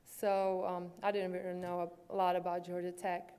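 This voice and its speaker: A young woman from Serbia speaks with a Serbian accent, her voice smooth and clear. She delivers an earnest prepared speech as a student athlete, hesitating on fillers and talking around a swollen lip. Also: fairly low pitch, completely flat delivery, normal speed, mellow. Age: 20s.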